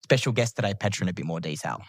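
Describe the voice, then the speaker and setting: A man hosting a podcast, joking in a dry, deadpan way. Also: sits low, racing, dry recording. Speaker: podcast host. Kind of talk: casual podcast chat.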